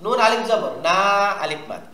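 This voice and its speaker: A man teaching Quran recitation, spelling out letters and drilling each word slowly and patiently, asking listeners to repeat after him. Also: high voice, sing-song, pushed and bright. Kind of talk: tajweed lesson, spelling out and drilling words. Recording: echoey room.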